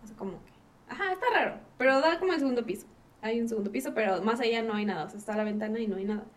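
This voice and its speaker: A woman's voice: on the high side, racing. A woman with a Mexican accent, a podcast guest telling a childhood ghost story in casual, slangy chat. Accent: Mexican Spanish. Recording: distant mic with faint ambient noise.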